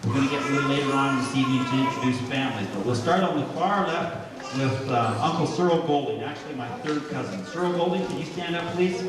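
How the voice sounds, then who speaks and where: A man acting as master of ceremonies at a family reunion dinner, announcing briskly and asking guests to introduce themselves. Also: mid-range voice. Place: large indoor hall at a dinner. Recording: echoey banquet hall, far camcorder mic, crowd chatter.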